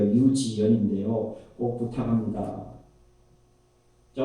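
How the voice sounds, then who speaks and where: A man tells a story with a lively, swooping pitch and a mellow, slightly high voice. He is recorded far from the mic in a very echoey room, so his voice rings off the walls. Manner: animated, varies his delivery and acts out quoted voices. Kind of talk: spoken storytelling.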